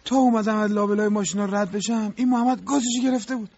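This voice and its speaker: A meek factory worker in a radio drama, humble and deferential toward his boss. His voice is husky and fairly high, and he tends to stammer. The recording sounds dull and lo-fi. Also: steady tone, a little mellow. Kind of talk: audiobook radio drama acting.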